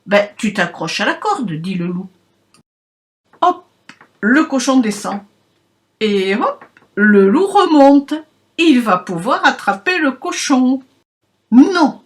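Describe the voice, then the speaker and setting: A woman reading a children's picture book aloud in a playful, expressive way. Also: mid-range voice. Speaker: reader.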